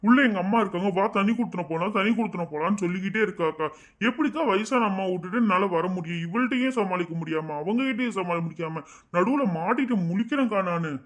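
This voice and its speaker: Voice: medium pitch, quick pace, lightly acted. A voice actor playing a young husband who pleads with his mother and his wife in turn, exasperated. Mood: pleading. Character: harried young husband caught in the middle.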